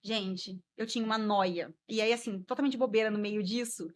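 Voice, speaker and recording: A woman's voice: medium pitch, steady tone, normal speed. A woman, a guest mother telling her personal story expressively, acting out the dialogue and laughing along the way.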